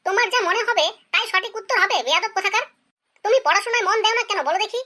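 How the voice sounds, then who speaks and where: The character is a bossy, strict schoolteacher in an animated comedy piece, scolding and questioning pupils. The performer voices her very high and racing, in a scolding mood.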